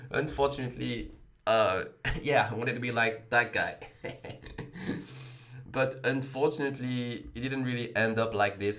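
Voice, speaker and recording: A man's voice: mid-range voice, fairly bright tone. A man from France with a French accent, hosting a casual livestream while recovering from the flu, upbeat and chatty with his chat. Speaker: livestream host.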